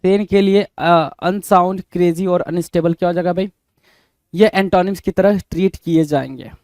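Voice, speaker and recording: A man's voice: sits high, normal speed, darkish tone, no echo. A man teaching English vocabulary in Hindi, drilling word lists and constantly asking questions, then answering them himself. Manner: quizzing, keeps asking "bhai?" then answering. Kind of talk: Hindi-English exam-prep lesson.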